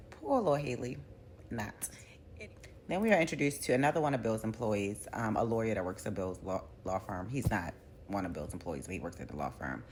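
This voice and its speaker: A woman giving a casual episode recap as a reviewer, a lively storyteller who acts out the characters' lines. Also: extremely low pitch, fairly quick, a little hiss or hum. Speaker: TV show reviewer.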